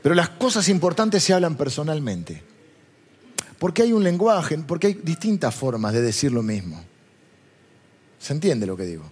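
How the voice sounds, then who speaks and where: This conversational sermon comes from a man with a Rioplatense Spanish accent who wanders off topic, chats freely, and often questions his listeners. His voice is high-leaning, darkish, and slightly rough, very animated at a moderate pace, with frequent pauses.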